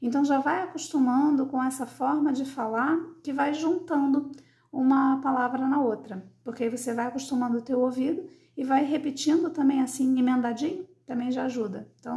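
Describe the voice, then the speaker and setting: A woman's voice: a little high, gravelly, mellow. Patient Brazilian woman teaching English grammar. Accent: Brazilian Portuguese. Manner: patient, repeats examples slowly, frequent "né?" and "tá?". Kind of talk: explaining grammar to learners.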